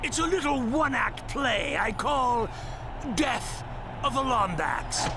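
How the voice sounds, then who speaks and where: An actor playing a bombastic evil alien showman, a gloating, theatrical video game villain with a gravelly voice. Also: extremely high pitch, very animated, very slow, background noise, full character voice. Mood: gloating, menacing. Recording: game music behind.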